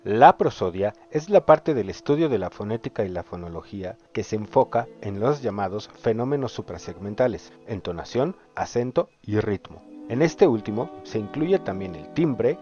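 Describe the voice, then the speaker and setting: A young man, a student presenter, reading a scripted lesson narration in a measured, explanatory way. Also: on the low side, lively intonation, warm tone, soft background music. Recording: dull lo-fi voice-over.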